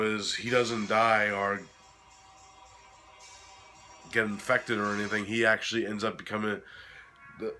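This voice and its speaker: Sick male review host, cracking voice, forceful edge, lowish pitch, casual halting delivery. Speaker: host of a horror film review series.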